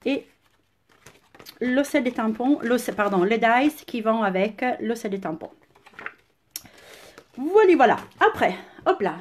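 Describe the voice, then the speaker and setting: A woman with an Italian accent chatting enthusiastically through a casual live-stream unboxing, often pausing on "euh", recorded on a phone camera indoors at home. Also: on the high side, expressive, a little hiss or hum. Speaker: crafting product demonstrator.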